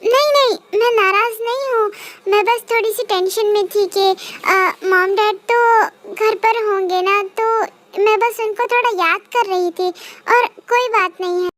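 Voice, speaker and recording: A frightened young bride from a read-aloud fan story, voiced by a woman narrator. She stammers and begs in a very high, thin voice, close to the reader's own. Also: steady tone, measured pace, fairly bright tone. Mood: evasive. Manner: stammering, tearful pleading.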